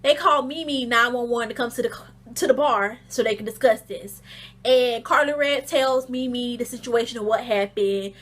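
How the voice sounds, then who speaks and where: A woman giving a casual, slangy recap of a reality show, telling it as a lively story full of fillers. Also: a little high, normal speed. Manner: animated storytelling, acts out the show's scenes in shrieky voices; loose slangy talk with fillers. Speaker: reality TV reviewer.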